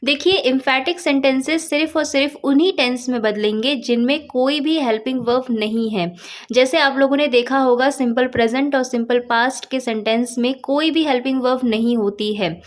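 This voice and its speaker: A woman with a high, light voice gives a patient grammar lesson. She explains step by step, repeats her points and leans on the helping verbs for emphasis. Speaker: English teacher.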